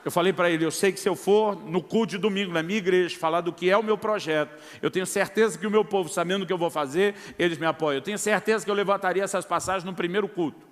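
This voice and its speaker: A Brazilian man in middle age preaches with a notably high voice. He tells his own testimony, acts out each person's lines, and keeps calling his listeners brother. His voice carries a long reverb that fills the church hall. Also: fast talker, hardly any pauses. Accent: Brazilian Portuguese. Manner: storytelling, acts out quoted dialogue, addresses listeners as brother. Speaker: pastor. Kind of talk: sermon with testimony.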